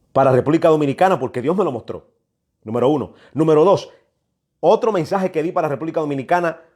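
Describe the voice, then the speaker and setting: This is an emphatic, admonishing prophetic sermon from a man in New York, who keeps repeating his phrases to drive them home. His voice runs on the high side and carries a darkish tone.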